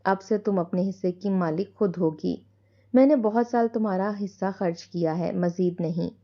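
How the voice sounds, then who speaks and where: A woman's voice: lowish voice, muffled recording, natural voice. A woman voicing a stern, protective adult brother who speaks harshly. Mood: tender. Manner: harsh, scolding.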